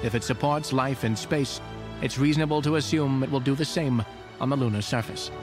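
A man's voice: mid-range voice, a little fast, over music. A man reading scripted historical narration as a documentary narrator in a voice-over. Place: voice-over recording with music behind.

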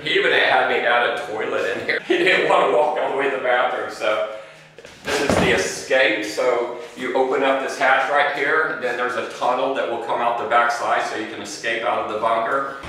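A bright, forceful voice of medium pitch, moving at a moderate pace with fairly even intonation, belongs to a middle-aged bunker company owner. He gives a plain-spoken, casual product tour inside an underground bunker, recorded in an echoey space with faint background noise.

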